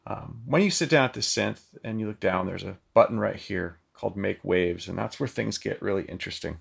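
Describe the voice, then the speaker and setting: Man, casual gear demo, loose and chatty, very gravelly voice, lowish pitch. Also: fairly quick. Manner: loose and chatty, many filler ums. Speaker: synth demonstrator. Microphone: microphone plugged into the synth.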